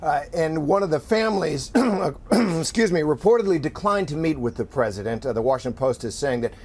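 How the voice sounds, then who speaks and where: Man, middle-aged, news correspondent, live outdoor report, earnest, slightly high voice. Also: animated, a little fast, darkish tone. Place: outdoors at night.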